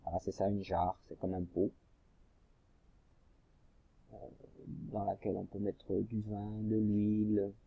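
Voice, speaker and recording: Male teacher, mid-pitched, slow and patient, spelling out syllables for young readers on a dull lo-fi recording. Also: monotone, creaky, breathy edge, no echo. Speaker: primary school teacher. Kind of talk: recorded remote lesson, guiding exercises.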